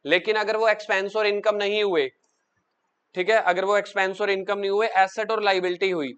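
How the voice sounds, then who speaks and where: A man teaching an accounts class, drilling students with quick questions and coaxing answers from them. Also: high voice, flat delivery, a bit bright, clear, resonant tone. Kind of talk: classroom lecture.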